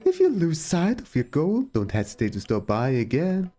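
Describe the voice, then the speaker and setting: A woman voicing a mystical video game fortune teller in a slow, dramatic, drawn-out manner. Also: deep voice, wildly swooping pitch, mellow, soft background music, voice pushed up, exaggerated voice. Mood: cryptic.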